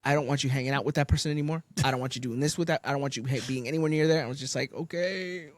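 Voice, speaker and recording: A young man, casually telling a story on a podcast, animated and swearing, loudly acting out quotes. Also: mid-range voice, very fast, dry recording, clean studio sound. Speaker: podcast co-host.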